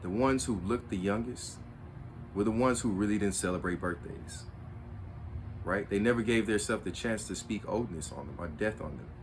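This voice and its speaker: A man's voice: fairly low pitch, moderate pace, a little hiss or hum. A man hosting his own spiritual video, lecturing in an earnest, repetitive, preachy way. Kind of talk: monologue to camera.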